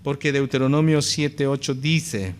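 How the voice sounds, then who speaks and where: A man's voice: medium pitch, measured pace, clear, resonant tone. A man preaching a sermon as pastor, talking earnestly to his congregation and building to emphatic peaks.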